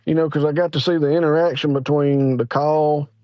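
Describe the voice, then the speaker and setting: A man in his forties, guest Hunter from Mississippi, rambles through folksy stories full of fillers in a casual interview, his Southern US accent clear. His voice is a little high, mellow and steady, and he talks briskly. No room sound is audible.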